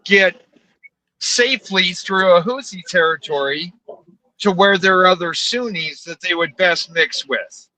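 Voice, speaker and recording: A man with a high, bright voice argues in a casual online debate. He keeps asking pointed questions, stringing one after another. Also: a little slow, no echo, poor audio. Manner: questioning, argumentative.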